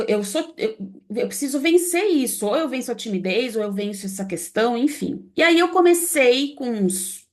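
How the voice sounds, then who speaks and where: A woman, an English teacher, telling her own story in a chatty way with frequent tag questions. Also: on the high side. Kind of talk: personal story in an online class.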